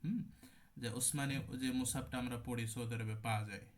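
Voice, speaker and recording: A man's voice: mid-range voice, quick pace. A man with a Bangladeshi Bengali accent teaching an online Quran recitation class. He explains patiently, repeats terms and demonstrates how words are recited.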